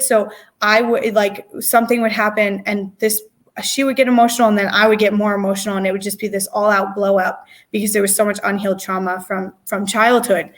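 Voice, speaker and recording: A woman in her twenties, an interview guest telling a personal story in a candid, emotional way, with many fillers and restarts. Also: mid-range voice. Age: 20s.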